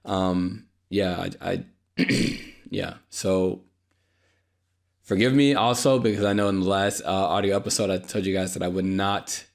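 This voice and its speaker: Deep-voiced and unhurried, a young man delivers a solo podcast monologue with fairly even intonation and vocal fry. The talk is off the cuff, recorded on a podcast microphone, and he comes across as tired and apologetic, slightly dry, with many fillers and restarts.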